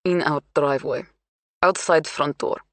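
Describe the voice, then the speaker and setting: A woman's voice: low-pitched, steady tone, unhurried, a bit bright, no room sound. A woman reading an audiobook, voicing a fierce, proud female suspect who speaks in clipped, broken English. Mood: defiant.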